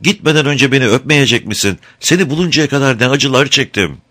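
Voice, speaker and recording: A man's voice: low voice, lively intonation, brisk, pushed and bright, no echo. A man voicing a poor, grieving beggar mother in a storybook reading. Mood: mournful. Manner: pleading, mournful.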